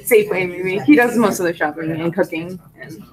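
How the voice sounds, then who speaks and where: A woman's voice: fairly low pitch, fairly quick. A woman chatting offhandedly with a colleague in a classroom. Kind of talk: casual chat. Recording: chatter of a crowd behind.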